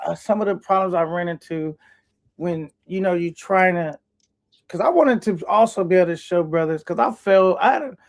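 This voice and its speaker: Gravelly high-voiced man on livestream headset. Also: normal speed. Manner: laid-back, rambling, reads chat aloud. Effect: livestream headset audio. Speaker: livestream co-host reading chat. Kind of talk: casual livestream talk.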